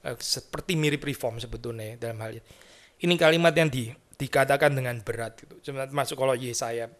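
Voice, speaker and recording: A male pastor preaching a sermon in church in a conversational way, mixing in English terms and moving between hushed asides and emphatic rises. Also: mid-range voice, quick pace. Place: church sanctuary.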